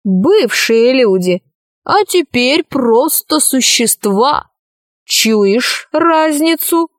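Sly sneering vampire wizard voiced by a woman, drawn-out mocking delivery, high and close, storybook reading. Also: animated, dry recording, heavily acted.

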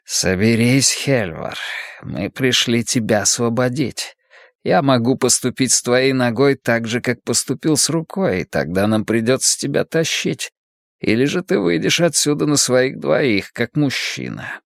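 Man voicing a quiet menacing young gang boss. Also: medium pitch, expressive, measured pace, vocal fry, no echo, studio quality. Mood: cold, commanding. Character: cold pale young male gang leader.

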